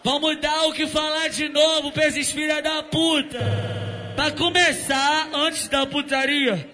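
A man half-singing a funk intro, slow crooned lines giving way to shouted hype. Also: very high voice, little pitch movement, soft background music. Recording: reverberant hall sound.

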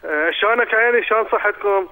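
A man's voice: high voice, rapid-fire. A man with an Iraqi accent calling in over the phone to ask a question on a religious show, heaping blessings on the host. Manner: effusive with blessings. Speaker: caller. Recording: tinny phone line.

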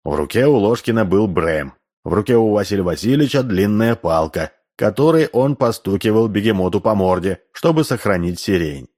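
A man narrating an audiobook, reading in a lively manner and voicing the characters. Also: on the low side, moderate pace.

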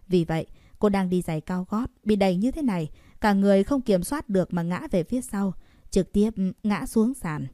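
A woman narrating a story in a steady, even reading. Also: mid-range voice, dry recording, clean studio sound.

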